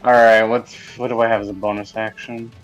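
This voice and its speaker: A man's voice: lowish voice, level tone, a little fast, low-quality recording. A man playing a tabletop game, chatting casually, hesitantly thinking aloud and joking. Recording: music playing behind. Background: background music.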